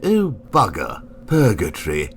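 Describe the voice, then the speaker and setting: A man playing a wordy, politely bemused gentleman ghost, telling his story and acting it out. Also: on the low side, wildly swooping pitch, measured pace, a little hiss or hum, full character voice. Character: genteel, fussy middle-aged English gentleman ghost. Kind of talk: first-person storytelling and acting.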